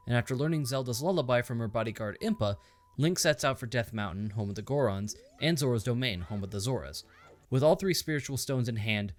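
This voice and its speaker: A man narrating a scripted game story recap with sarcastic, crude asides. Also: mid-range voice. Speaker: game reviewer.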